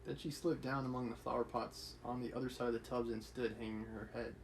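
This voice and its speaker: Reading a classic novel to his livestream audience, a man keeps it casual, slipping into light character voices and laughing through asides to chat. The voice is mid-range and steady in tone at a fairly quick pace, with a bit of hiss or hum in the audio.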